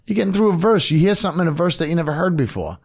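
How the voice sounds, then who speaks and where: A man with a New York accent, co-hosting a casual podcast chat, telling animated stories, laughing often and swearing casually. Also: fairly high pitch, racing. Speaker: podcast co-host.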